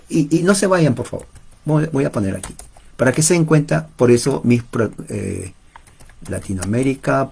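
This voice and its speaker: A man's voice: mid-range voice, creaky, mellow, slightly rough. A man preaching informally to camera, emphatic, repeating his points and addressing listeners directly.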